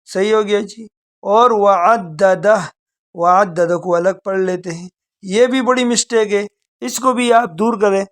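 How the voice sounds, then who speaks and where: A man teaching a Quran recitation lesson. He explains briskly, then draws out the recited words very slowly. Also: high voice, steady tone. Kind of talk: tajweed lesson.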